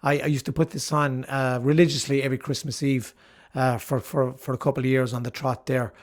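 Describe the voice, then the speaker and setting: A man's voice: medium pitch, flat delivery, a little fast. A middle-aged man hosting his own channel, talking casually and enthusiastically about favourite films, with frequent fillers and restarts. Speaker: channel host reviewing films. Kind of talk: casual video commentary.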